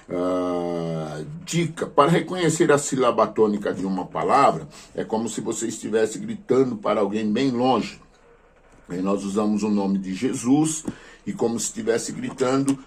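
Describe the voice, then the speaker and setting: A man's voice: on the low side, husky. A man teaching a recorded seminary video lesson, explaining step by step and checking in with short "okay?" questions. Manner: stresses spelled-out letters and syllables in a raised voice.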